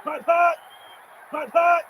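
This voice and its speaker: A man's voice: extremely high pitch, steady tone, slow pace, crowd noise. A man voicing a football quarterback in a video game, barking one-word signal calls. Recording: game audio with loud hiss.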